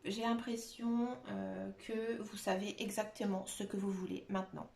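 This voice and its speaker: A woman giving a tarot reading to her viewers, talking gently and hesitantly with many filler sounds. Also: mid-range voice, fairly even intonation, unhurried, gravelly. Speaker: tarot card reader. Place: room at home, dog nearby. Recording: echoey room with faint noise.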